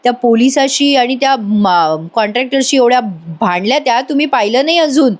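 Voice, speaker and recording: A woman's voice: a little high, expressive, brisk, close to an everyday voice. A woman voicing a protective young man who teases his younger brother and sister-in-law. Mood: teasing.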